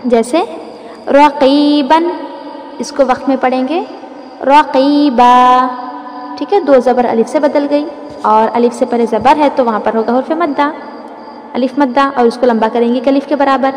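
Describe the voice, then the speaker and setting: A high-pitched woman gives a patient recitation lesson, stretching out example words as she explains them. Her voice rings around an echoey room with a long reverb tail. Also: darkish tone. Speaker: Quran recitation teacher. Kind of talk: tajweed lesson with demonstrations.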